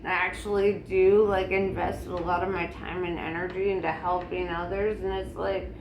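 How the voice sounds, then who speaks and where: A woman's voice: lowish voice, level tone, moderate pace, muffled recording. A woman in a loose, tipsy, rambling casual rant, swearing freely as she talks. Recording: echoey room with faint background noise.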